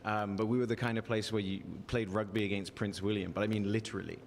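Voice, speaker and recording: A man in his forties with a softened English accent, chatting as a guest on a live show, self-mocking and quick to laugh at his own jokes. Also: on the low side, steady tone, in a large hall, slight background noise. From England. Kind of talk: casual live interview.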